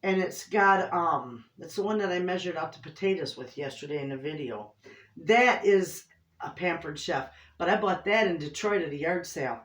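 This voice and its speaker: A woman's voice: fairly low pitch, lively intonation, moderate pace. Woman, middle-aged, Michigan inland accent; folksy homestead vlogger chatting casually, picked up at a distance in a roomy space. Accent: Inland Northern American (Michigan). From Michigan, United States. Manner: folksy, effusive, repeats herself. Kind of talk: casual chat to camera. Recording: roomy echo, distant microphone.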